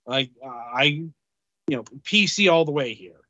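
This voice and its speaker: A man co-hosting a casual game-review podcast, talking haltingly with many fillers. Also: mid-range voice, lively intonation, sharp tone, no echo, highs cut off. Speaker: podcast co-host reviewing games.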